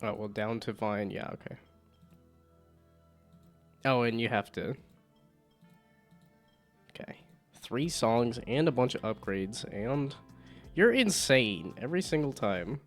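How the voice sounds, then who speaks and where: A man's voice: mid-range voice, slow, long pauses, soft background music. A man streaming a game, chatting casually, laughing often and reading the game's text aloud.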